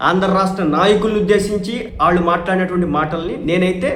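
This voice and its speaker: A man's voice: high-pitched, fairly even intonation, fast talker, fairly bright tone, echoey room. A man from Andhra Pradesh delivers emphatic political commentary, arguing with rhetorical questions.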